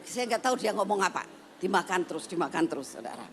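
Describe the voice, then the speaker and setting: An older woman giving an animated church testimony, telling a story and acting out the dialogue of its people. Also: on the low side, fast talker, slight background noise. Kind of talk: sermon testimony.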